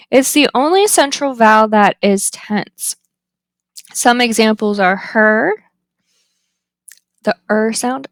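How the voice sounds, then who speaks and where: Slow, deliberate woman teaching phonetics. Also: fairly high pitch, no echo. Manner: slow and deliberate, drawing out example words. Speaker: phonetics instructor. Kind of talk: slide-based lecture.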